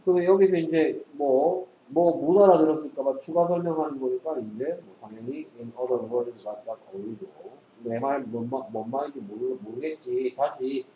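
A man's voice: mid-range voice, normal speed, hardly any pauses, dark tone, echoey room, highs cut off, slight background noise. A man tutoring English one-on-one, quizzing his student and joking bluntly, in a casual lesson. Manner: teasing, quizzing, blunt slang.

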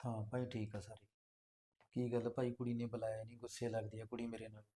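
A man playing a gentle older father who quietly advises his daughter. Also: mid-range voice, fast, lightly acted. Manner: calm, soft and advising. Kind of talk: short film acting.

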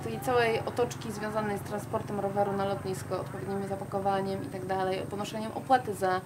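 A woman's voice: medium pitch, little pitch movement, brisk, noisy background. A young woman travel vlogger answering viewer questions in casual chat, hesitating often with fillers. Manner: chatty, hesitant with many fillers.

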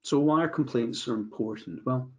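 Middle-aged Scottish male adviser, measured webinar talk over video call, restarts phrases. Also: mid-range voice, a little mellow, highs cut off. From Scotland. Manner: measured, repeats words when restarting phrases. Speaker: medico-legal adviser. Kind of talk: webinar presentation. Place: indoor room, video call.

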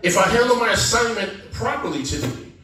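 A man preaching a sermon as guest preacher, animated and calling out to the congregation for responses. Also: high voice, fairly quick, noisy background. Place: church sanctuary. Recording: echoey church sound from a distance.

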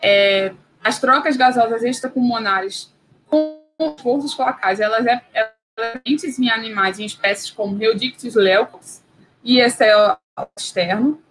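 A woman's voice: fairly high pitch, fairly bright tone, low-quality recording. A woman from Brazil giving an academic biology lecture, hesitant, with many fillers and restarts.

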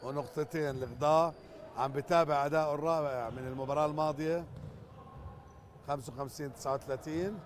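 Man, Jordanian Arabic accent, basketball commentator, live play-by-play, slightly high voice, noisy sports hall. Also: fairly even intonation, quick pace. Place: indoor basketball gym during a game. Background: clear gym noise, bouncing basketball.

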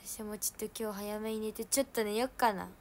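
A young woman with a Hiroshima dialect, hosting a casual livestream and chatting with viewers from home. She laughs at herself and gets loud when she acts out what people said. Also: mid-range voice, fairly even intonation, quick pace, a little hiss or hum. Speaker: idol livestream host.

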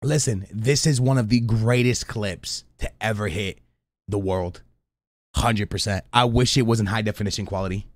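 In a small indoor streaming room, a man in his thirties reacts to clips and chats casually in slang with his live stream chat. His voice sits on the low side at normal speed, recorded on a close studio boom-arm mic with no echo.

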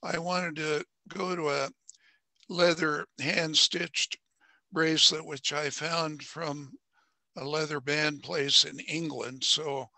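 A man in his seventies or older with a raspy, congested voice, speaking in measured, formal phrases as he gives an informal presentation on a headset. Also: fairly high pitch, fairly even intonation, bright, forceful tone, dry recording. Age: 70s or older. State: congested sinuses. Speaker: watch club member presenting a watch. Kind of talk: informal show-and-tell. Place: home room on a video call.

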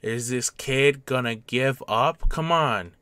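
A man giving let's-play commentary on a baseball video game, getting excited on big plays and taunting his opponent. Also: slow pace, clean tone, no room sound. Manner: excitable, jumps to loud highs on big plays.

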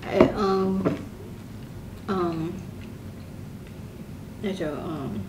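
A woman's voice: lowish voice, extremely slow, a little mellow, recorded from a distance, slight background noise. A young adult woman in a casual couple chat over a meal, talking while chewing, playful and teasing, trailing off into fillers. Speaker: girlfriend co-host of an eating vlog. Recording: echoey room.

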